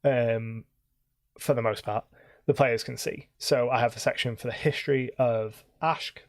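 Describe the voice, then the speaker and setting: A man casually chatting on a live stream as game master, rambling with frequent pauses. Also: medium pitch, fairly even intonation, no room sound. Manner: rambling, many ums and restarts.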